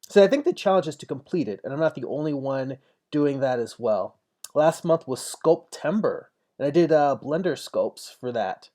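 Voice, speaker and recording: A man's voice: fairly high pitch, lively intonation, normal speed, dark tone. A man in his forties chatting casually as he paints on a livestream, thinking aloud and answering viewer comments. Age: 40s. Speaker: digital painter streaming his work.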